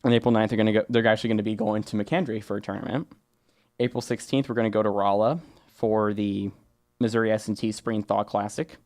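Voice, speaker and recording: A man's voice: on the low side, level tone, fast talker, a little mellow. A young man co-hosting a college sports show, chatty and rambling as he talks casually about games. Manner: chatty and rambling, restarts sentences.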